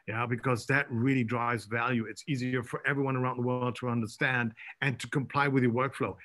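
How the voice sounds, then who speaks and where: A man's voice: mid-range voice, fairly even intonation, fairly quick, fairly bright tone. A man with a mid-range voice talks on a business panel over a video call. He rambles and keeps dropping in filler phrases. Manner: rambling, with frequent "you know". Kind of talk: panel discussion.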